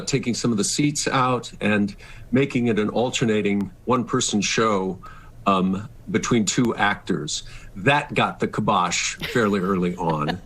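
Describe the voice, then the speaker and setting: A middle-aged or older stage actor joins an interview by remote video call rather than in the studio, speaking earnestly and expressively in a casual, reflective way. His voice is lowish, a bit bright, and husky, and the audio is poor.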